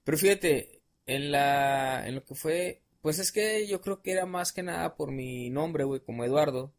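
A man's voice: a little high, unhurried. A young adult man with a Mexican accent, a podcast guest telling stories in a casual, rambling, slang-heavy way with many fillers. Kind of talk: casual storytelling chat.

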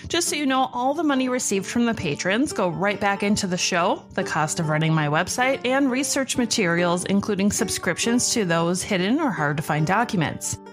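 A woman's voice: medium pitch, expressive, normal speed, hardly any pauses, faint music behind. A woman hosting a podcast, reading scripted narration. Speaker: podcast host.

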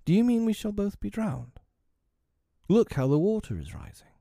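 A man voicing a brave, tender young girl in a storybook reading, with a soft, anxious, high girlish voice. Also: big pitch swings, normal speed, vocal fry, no room sound, studio quality, heavily acted.

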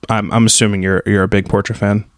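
A man in his thirties hosting a casual podcast interview, rambling quickly and correcting himself mid-sentence. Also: fairly low pitch, level tone, dry recording, clean studio sound. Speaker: podcast host.

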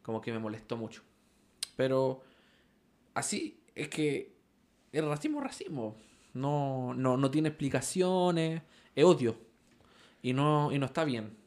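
A man's voice: medium pitch, expressive, unhurried, long pauses, a little mellow. A man from Chile with a Chilean accent, co-hosting a casual podcast and steering the talk with questions. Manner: slangy, chatty, asks the questions. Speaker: podcast co-host. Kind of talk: casual chat.

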